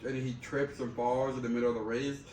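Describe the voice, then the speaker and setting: A man's voice: medium pitch, little pitch movement, a little fast, a little mellow. A man talks in a loose, candid, slangy way, circling back over his phrases and swearing freely. He sounds set back from the microphone in a roomy space, with faint noise behind him. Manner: candid, profane, slangy, repeats himself. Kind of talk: casual chat. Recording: roomy, distant mic, faint background noise.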